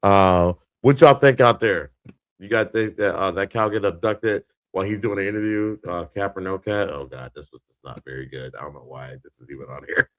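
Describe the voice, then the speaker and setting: A man's voice: low voice, brisk, no echo. A man co-hosting a casual live podcast, laid-back and slangy, laughing often. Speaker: podcast co-host. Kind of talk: casual live-stream chat.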